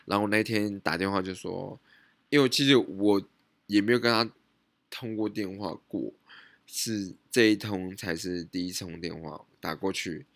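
This male podcast host, who has a Taiwanese Mandarin accent, shares a personal story alone and casually in a deep, fairly bright voice with vocal fry. He takes his time, and there's no room sound. He hesitates, keeps starting over and second-guesses himself.

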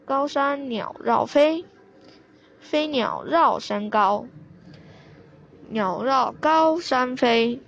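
A woman's voice: high-pitched, pitched above the performer's own voice, full character voice. Woman doing a kindly old grandfather.

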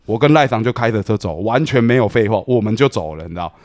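Fast animated man. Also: on the low side, no room sound. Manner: animated storyteller who acts out quoted lines. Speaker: podcast guest. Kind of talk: casual podcast chat.

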